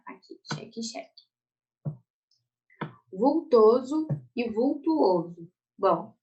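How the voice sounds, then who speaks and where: A woman's voice: mid-range voice, low-quality recording. A woman with a Brazilian Portuguese accent teaching an online exam-prep Portuguese lesson, explaining step by step and checking in often with her students.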